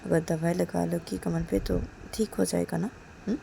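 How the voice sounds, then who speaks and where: A woman's voice: fairly low pitch, level tone, moderate pace, creaky, warm tone, slight background noise. A woman voicing a caring young woman who pleads and coaxes her partner over and over. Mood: pleading coaxing. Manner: pleading, coaxing, repeating "please".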